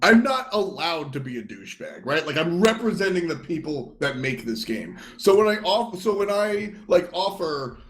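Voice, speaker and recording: A man co-hosting a podcast in casual chat, animated and acting out quotes in lively voices. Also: on the high side, moderate pace, hardly any pauses. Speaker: podcast co-host.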